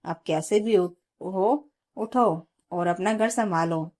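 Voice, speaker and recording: A woman's voice: fairly low pitch, slow, darkish tone. A woman storyteller voicing a stern, bossy mother-in-law who scolds her daughter-in-law. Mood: scolding.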